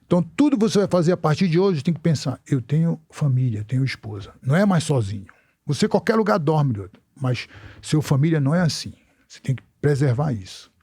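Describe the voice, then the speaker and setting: A man voicing his stern older father, who gives blunt advice in halting, broken grammar. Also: a little high, lively intonation, warm tone, breathy edge, no echo, clean studio sound. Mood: earnest lecturing.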